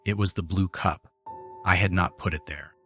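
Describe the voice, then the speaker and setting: A man reading a scripted first-person horror story in a measured, even way. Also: sits low, faint music behind. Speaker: narrator.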